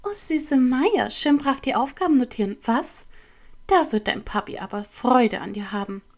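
A woman's voice: sits high, animated, moderate pace, darkish tone, pitched above the performer's own voice. A woman reading an audiobook, voicing a teenage schoolgirl bully who taunts in a sneering sing-song. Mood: mocking. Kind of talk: audiobook character voice.

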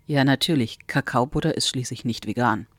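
A woman reading as a young royal man, arrogant and teasing, his voice pushed down into a deep, dry register. He speaks like a know-it-all, relaxed and sure of himself, in a close audiobook reading with no room sound. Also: a little fast, dry recording. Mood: smug teasing. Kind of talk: audiobook character voice.

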